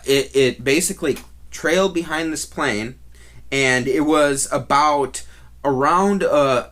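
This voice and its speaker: A man telling a first-hand story in a casual vlog style, talking in a rambling, halting way that often restarts. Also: medium pitch, a bit bright. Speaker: vlogger.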